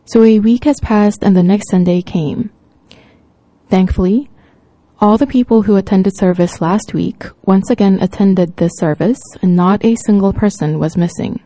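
Mellow-voiced woman preaching a sermon. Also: medium pitch, normal speed, dry recording.

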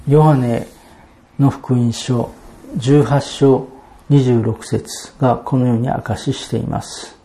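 A man preaching a sermon, explaining Bible verses in a measured, expository way and reading passages aloud. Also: mid-range voice, fairly even intonation, dark tone. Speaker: pastor.

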